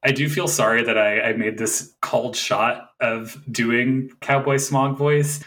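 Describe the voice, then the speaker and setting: A man's voice: medium pitch, fairly even intonation, unhurried, a bit bright. A man in casual podcast chat about a tabletop game, explaining his character's story at length.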